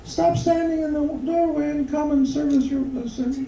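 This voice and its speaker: A man voicing an impatient, sultry wife who calls her husband to bed in a high, put-on woman's voice. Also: fairly even intonation, normal speed, vocal fry, reverberant, distant mic, over a noisy crowd, low-quality recording. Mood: coaxing.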